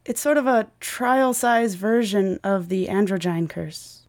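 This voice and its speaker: A man's voice: high voice, unhurried, pitched above the performer's own voice. A male narrator voicing a flustered, earnest young woman who used to be a man, in an audiobook. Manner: flustered, pleading.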